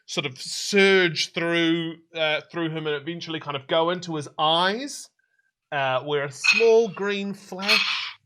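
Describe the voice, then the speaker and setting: A man narrating as game master of a tabletop game. His voice is very bright and somewhat high. He describes scenes in a loose, rambling way, full of fillers. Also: takes it slowly.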